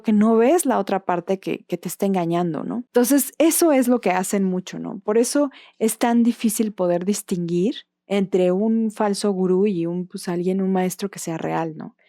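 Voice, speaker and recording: A Mexican woman hosts her podcast in a relaxed, explanatory monologue, often checking in with a questioning tag at the end of a thought. Her voice is warm and mellow, and it is recorded dry and close, with no room sound. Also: medium pitch, normal speed, few pauses, no room sound. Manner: explanatory, often ending points with questioning tags. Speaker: podcast host.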